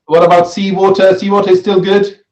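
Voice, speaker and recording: A man's voice: high voice, little pitch movement, brisk, a little mellow, muffled recording. A man teaching an interactive religious lesson, posing questions, repeating his phrases and often checking with "right?". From Switzerland. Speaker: Islamic studies teacher. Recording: roomy, echoey sound.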